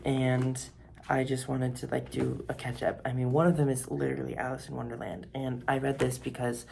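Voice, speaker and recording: Chatty student vlogger, gravelly tone. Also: mid-range voice, little pitch movement, normal speed, a little mellow, slight background noise. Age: 20s. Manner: rambling, chatty, laughs often. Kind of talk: casual vlog chat. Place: walking outdoors around campus.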